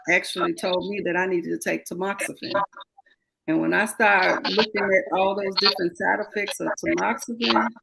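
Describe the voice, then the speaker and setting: Gravelly, emphatic woman podcast host. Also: medium pitch. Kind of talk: casual faith-filled chat. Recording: noisy call audio.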